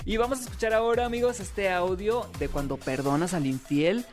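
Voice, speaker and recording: Speaking fairly quickly, a Mexican man with a rather high male voice runs a lighthearted gossip segment on an entertainment radio show. He is talkative and playful, leans on his catchphrases again and again, and soft music plays beneath him.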